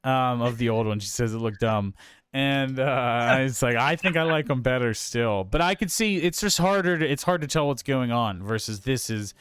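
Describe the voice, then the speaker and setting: Male podcast co-host, rambling and hesitant, smooth voice, dry close recording. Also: medium pitch, normal speed, no room sound. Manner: rambling, hesitant, many fillers and restarts. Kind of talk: casual film podcast chat.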